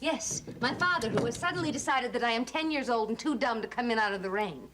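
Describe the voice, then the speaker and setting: A woman's voice: a little high, fast, close to an everyday voice. An actress playing a young woman storming out on her father, sarcastic and agitated. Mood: upset. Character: young woman, defiant daughter walking out. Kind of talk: 1970s TV soap acting. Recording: noisy old TV broadcast.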